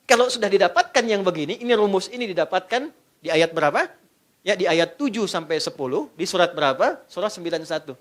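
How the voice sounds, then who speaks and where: A man's voice: sits high, a bit bright. A middle-aged man preaching a sermon, joking and quizzing his audience as he goes.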